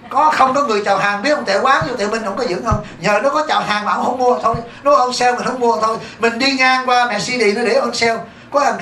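A man with a Southern Vietnamese accent, a Buddhist monk giving a lively dharma talk and asking his congregation rhetorical questions. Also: very high-pitched. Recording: echoey room, distant mic, faint hiss.

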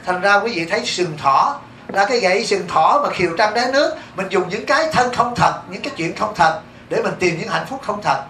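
A man with a Southern Vietnamese accent, a Buddhist monk giving a lively dharma talk and asking his congregation rhetorical questions. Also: high voice, brisk. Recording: echoey room, distant mic, faint hiss.

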